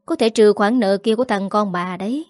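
A woman's voice: mid-range voice, fairly quick, darkish tone, dry recording, clean studio sound, natural voice. A woman voicing a crude, menacing male debt collector who threatens and leers. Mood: sly. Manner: threatening, sly. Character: menacing male loan shark, leering and crude.

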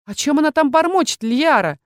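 A woman reading an audiobook, voicing a sharp-tongued young noblewoman necromancer who scolds and exclaims indignantly. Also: high-pitched, expressive, fairly quick, no room sound, studio quality, voice pushed up. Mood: suspicious. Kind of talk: audiobook character voice.

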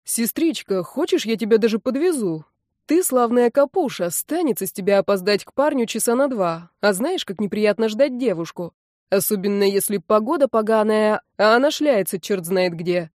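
A woman reading an audiobook, voicing a playful, mocking young man who teases his sister loudly. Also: medium pitch, expressive, moderate pace, no echo, studio quality, lightly acted. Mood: teasing. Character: teasing cheeky young adult brother.

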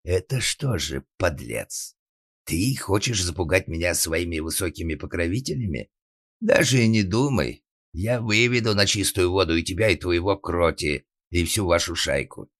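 A man voicing a suspicious, blustering male organ grinder who shouts accusations in an audiobook. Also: sits low, lively intonation, normal speed, no room sound, studio quality, heavily acted. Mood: angry. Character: drunken, suspicious, bullying middle-aged male organ grinder. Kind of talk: audiobook character acting.

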